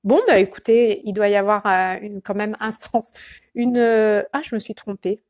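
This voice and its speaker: A woman's voice: mid-range voice, steady tone, normal speed, a little mellow, no echo. A woman coach chatting casually in a live video, hesitant and full of fillers and restarts, greeting viewers by name. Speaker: life coach.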